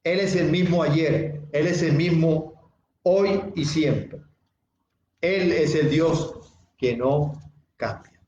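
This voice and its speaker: A male pastor preaching a sermon slowly and deliberately, repeating key phrases and speaking straight to his listeners. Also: on the high side, darkish tone, echoey room, highs cut off, slight background noise.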